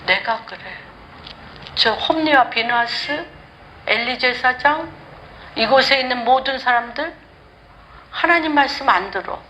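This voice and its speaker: A woman's voice: high-pitched, unhurried, long pauses, sharp tone, slight background noise, rough recording. A woman pastor preaching a sermon with passion, acting out pleading prayers aloud. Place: church sanctuary.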